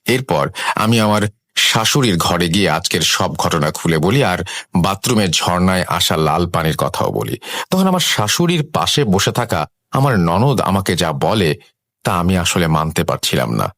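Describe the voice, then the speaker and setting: A man narrating a first-person horror story in an expressive, suspenseful way. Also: deep voice, normal speed, dry recording.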